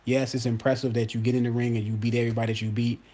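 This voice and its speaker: Husky emphatic man in his forties. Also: medium pitch, level tone, racing, warm tone. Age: 40s. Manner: emphatic, repeats himself, addresses viewers as y'all. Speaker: boxing commentator host. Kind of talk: casual opinion monologue.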